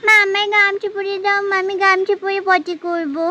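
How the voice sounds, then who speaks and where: A woman's voice: very high-pitched, steady tone, brisk, sharp tone, lo-fi sound. Woman doing a whiny, bashful little girl. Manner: whining, pleading.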